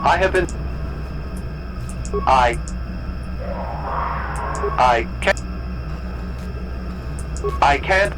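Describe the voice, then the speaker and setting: An actor voicing a malfunctioning male computer security system that glitches, cutting off words and repeating "error" in flat, clipped announcements. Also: on the high side, very slow, pauses often, over music, poor audio. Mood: glitching. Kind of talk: video game character dialogue.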